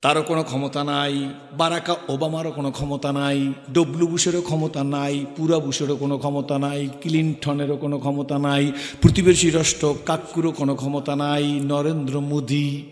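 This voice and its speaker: Fiery preacher echoing through loudspeakers. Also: male voice, fairly high pitch, flat delivery, moderate pace. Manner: calls on the crowd to answer loudly, sings couplets. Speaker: Islamic preacher. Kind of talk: waz sermon to a large gathering. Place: outdoor sermon gathering with loudspeakers. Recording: echoey PA sound with long reverb.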